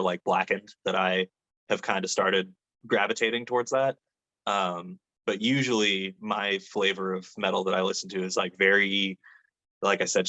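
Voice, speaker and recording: A man's voice: low-pitched, sharp tone. A young adult man, a metal vocalist, chatting casually in an interview, laid-back and rambling with lots of fillers and swearing.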